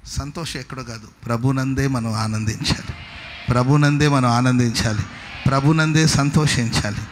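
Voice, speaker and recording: A man preaching a sermon as pastor, emphatic, swinging between loud exhortation and soft asides. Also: fairly high pitch, slight background noise. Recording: long hall reverb.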